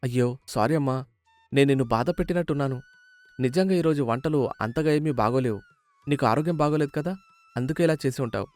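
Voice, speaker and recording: A man narrating an animated family story and voicing the grown sons in their dialogue, with an emotive manner. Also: medium pitch, fairly quick, dry recording. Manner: emotive, shifts between plain narration and dramatic dialogue. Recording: light background music.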